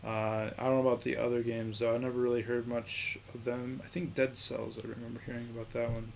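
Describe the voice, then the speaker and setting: Offhand young man, mid-pitched voice. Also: quick pace, creaky, a little hiss or hum. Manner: relaxed, offhand, trailing off. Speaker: podcast co-host. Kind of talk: casual chat.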